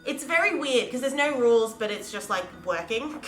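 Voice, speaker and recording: An Australian woman in her twenties co-hosting a casual chat at home, bubbly, excitable and blunt. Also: on the high side, moderate pace. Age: 20s. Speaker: co-host. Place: home, in a pillow fort indoors. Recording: echoey room with background music.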